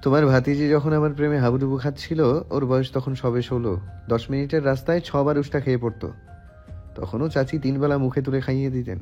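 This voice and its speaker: A man playing a calm, teasing young lover in an audio story, with a breathy, husky voice and a deadpan way of talking. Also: fairly low pitch, dull audio, faint music behind, lightly acted. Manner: deliberate, deadpan.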